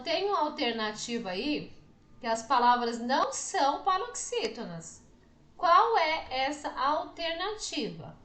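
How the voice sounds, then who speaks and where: Slow, lively-voiced woman teacher. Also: on the high side, reverberant. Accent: Brazilian Portuguese. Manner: asks questions and checks understanding often. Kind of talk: slow, deliberate classroom explanation to students.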